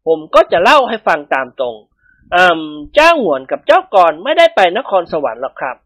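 A woman's voice: medium pitch, wildly swooping pitch, a little fast, a bit bright, slightly rough, no room sound, pitched above the performer's own voice, exaggerated voice. A woman reading the lines of a cheeky young doctor who teases his friends, in an audiobook. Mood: teasing.

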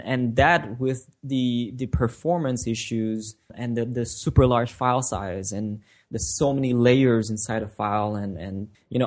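Speaking at a medium pitch, this French-native man is a designer being interviewed. His answers are casual, and he frequently stops and repeats words as he works out his thoughts.

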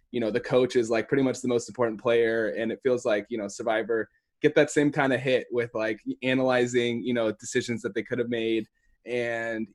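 A man hosting a casual podcast, talking in a halting, rambling way and often correcting himself. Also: medium pitch, darkish tone. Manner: halting, rambling, laid-back phrasing full of hedges and self-corrections. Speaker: podcast host.

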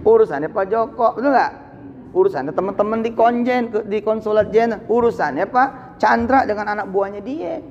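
A man preaching a live sermon, telling stories with sudden swings from low asides to high exclamations. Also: brisk, a little mellow, in a large hall, highs cut off, slight background noise. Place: large hall, live event.

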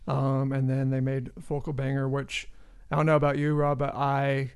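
A man's voice: medium pitch, monotone, moderate pace, clear, resonant tone. A young man co-hosting a podcast, chatting casually and enthusiastically into a studio mic. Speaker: podcast co-host. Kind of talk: casual chat.

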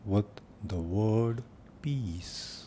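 A man teaches a guided meditation, giving soft-spoken instructions separated by long pauses. The recording is noisy with a low rumble.

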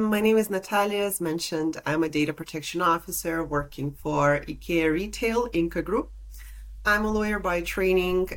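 A woman from Lithuania with a low-pitched voice, speaking as a podcast guest. She explains her points in a measured, articulate way. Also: rough recording. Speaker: podcast guest, data protection officer. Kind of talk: interview answers.

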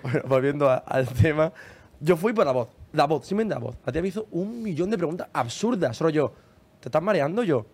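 A man's voice: on the high side, fairly quick, breathy edge. A young man with a Spain Spanish accent telling a story in casual podcast chat, acting out the lines of the people in it and laughing often. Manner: animated, acts out quoted dialogue, laughs often. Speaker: podcast host.

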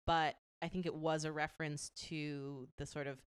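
A woman's voice: low-pitched, flat delivery, normal speed, smooth, no room sound. A woman co-hosting a casual movie chat, chatty, with many fillers and restarts. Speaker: podcast co-host.

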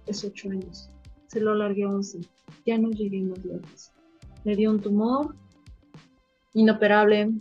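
A veterinarian with a Mexican accent is a guest in a casual interview, sharing stories with animation and emotion. Her voice sits in the mid-range, and the recording sounds muffled.

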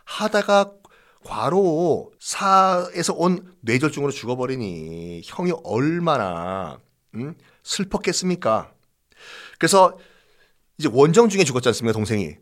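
This podcast host recounts history with conversational flair, playing it dramatic and funny and repeating points for emphasis. He speaks at a normal speed in a fairly high, sing-song voice with a fairly bright tone.

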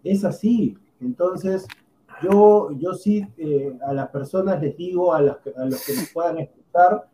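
High-voiced Peruvian man, mellow and emphatic. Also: measured pace, a little hiss or hum, poor audio. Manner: emphatic, repeats himself. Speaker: talk show co-host. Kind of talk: casual opinionated chat.

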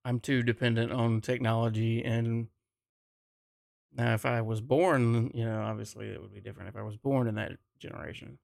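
A man with a gravelly, fry-laden voice at an everyday pitch, chatting loosely on a podcast. He jokes, laughs a lot and reads out comments from the chat. The sound is dry and close. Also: fairly even intonation, normal speed, darkish tone, dry recording. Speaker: podcast co-host. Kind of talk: casual chat.

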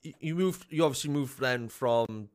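Upbeat South Welsh podcast host. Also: male voice, mid-range voice, moderate pace. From South Wales. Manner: chatty, upbeat, frequent fillers and repeats. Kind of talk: casual interview chat.

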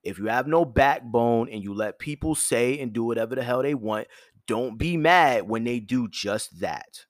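A man hosting his own show, giving blunt, profane dating advice in a firm yet soft tone, with features. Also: medium pitch, moderate pace, no room sound, studio quality. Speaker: host. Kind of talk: direct advice monologue.

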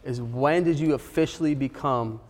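A man's voice: mid-range voice, normal speed, in a large hall. A man hosting a podcast, eagerly asking his guest questions and repeating phrases. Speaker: podcast host. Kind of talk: interview questions.

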